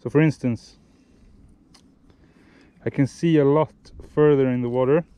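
Young man, mellow voice. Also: medium pitch, measured pace, clear, resonant tone, no echo. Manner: relaxed, explanatory, with frequent restarts and self-corrections. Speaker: fishing vlogger. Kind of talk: casual instructional talk while fishing. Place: outdoors by a lake.

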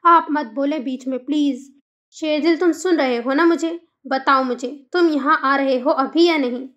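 Woman doing a fiery demanding young mom, high voice, muffled lo-fi sound. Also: moderate pace, a bit bright. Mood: upset. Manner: pleading, insistent, upset.

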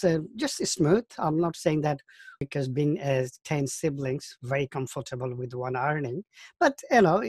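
A man in his fifties from Bangladesh, recalling his life in an interview, talking thoughtfully with halting restarts. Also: fairly high pitch, no echo, clean studio sound. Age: 50s. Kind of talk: oral history interview.

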